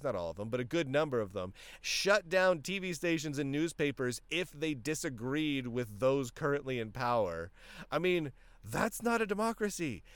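Animated man with a throat tickle. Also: fairly high pitch, no echo. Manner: animated, talks with frequent restarts. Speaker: podcast host. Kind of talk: casual political commentary monologue.

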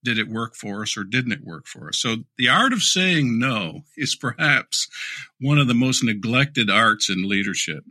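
A man's voice: mid-range voice, lively intonation, normal speed, pushed and bright. A middle-aged man answering interview questions about leadership, candid and dryly sarcastic, often restarting his words. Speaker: leadership speaker and guest.

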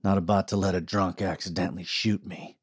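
Hard frontier man, low and quiet, curt clipped lines, as a man plays him. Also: little pitch movement, a little fast, breathy edge. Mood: flat. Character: terse, hard frontier shopkeeper, calm and unafraid.

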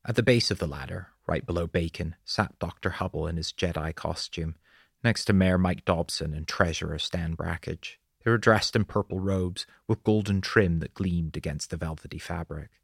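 A man narrating an audiobook in a measured, descriptive storytelling manner. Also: low-pitched, vocal fry, breathy edge, no room sound, clean studio sound.

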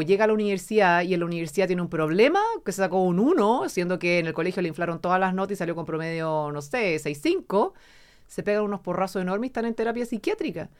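A middle-aged woman with a Chilean Spanish accent, a podcast guest who talks casually and acts out quoted voices as she tells stories. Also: mid-range voice.

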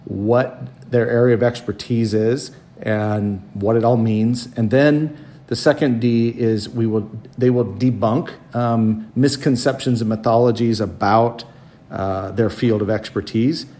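A man hosting a conversational podcast interview at home, feeling his way through sentences in a halting manner. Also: medium pitch, fairly even intonation, dark tone. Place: home dining room.

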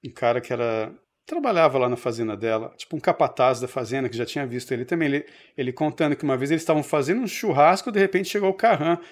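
A man's voice: medium pitch, fast talker. A man from Brazil co-hosting a podcast, telling a long story in casual chat and acting out the quoted voices. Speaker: podcast co-host.

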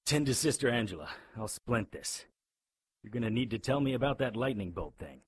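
A man's voice: mid-range voice, big pitch swings, fairly quick, breathy edge, no echo. A man playing a blunt, sardonic, urgent leader of frightened survivors in an audio drama.

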